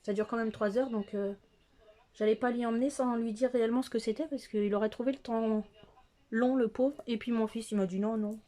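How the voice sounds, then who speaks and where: Chatty mellow-voiced woman beauty vlogger. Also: on the high side, fairly even intonation, brisk. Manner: chatty, hesitant with frequent fillers, addresses viewers directly. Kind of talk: casual makeup tutorial chat. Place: at home, close to the camera.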